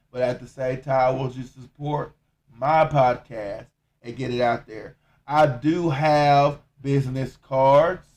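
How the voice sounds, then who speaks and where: A man with a Southern accent hosting a solo podcast update, talking in a slow, measured monotone with frequent pauses and fillers. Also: mid-range voice. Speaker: podcast host.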